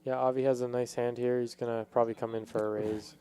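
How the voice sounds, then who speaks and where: A man's voice: medium pitch, level tone, fast, dark tone, clear, resonant tone. A man giving casual live poker commentary in a hesitant, thinking-aloud way.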